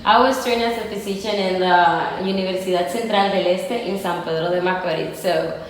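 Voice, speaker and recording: A woman's voice: mid-range voice, steady tone, brisk. A woman from the Dominican Republic, a physician, talking in a fireside chat with hesitant restarts. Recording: very echoey hall, faint noise.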